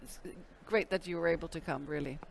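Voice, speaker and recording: A woman's voice: low-pitched, a little fast, gravelly, slight background noise. Woman hosting, stumbling over words. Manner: warm-hearted, repeats words while finding them. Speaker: host. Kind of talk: hosting an interview. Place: busy conference venue.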